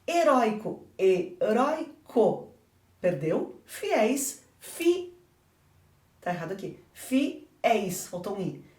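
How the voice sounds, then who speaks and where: A woman's voice: medium pitch, sing-song, slow, a little mellow, distant mic. Brazilian woman teaching in an echoey room. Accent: Brazilian Portuguese. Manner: didactic, asks and answers her own questions. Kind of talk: exam correction lesson.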